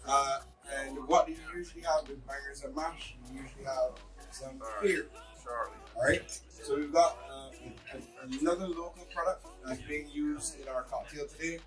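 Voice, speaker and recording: A man's voice: a little high, steady tone, normal speed, far from the mic, rough recording. Casual man presenting at dinner. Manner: casual, enthusiastic, says "right?". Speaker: mixologist presenting a cocktail. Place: outdoor terrace at night. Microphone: handheld mic. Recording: handheld mic from afar, music.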